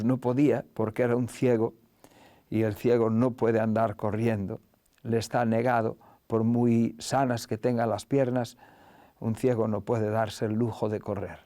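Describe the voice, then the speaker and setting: A man preaching a sermon, slow and deliberate, sinking into a near whisper on key lines. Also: mid-range voice, mellow, no echo.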